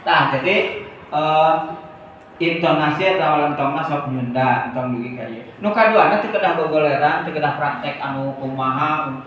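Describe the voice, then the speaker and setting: A man's voice: fairly high pitch, normal speed, a bit bright, slight background noise. A man leading a teachers' workshop, explaining casually with frequent chuckles. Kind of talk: workshop instruction. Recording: echoey room, distant mic.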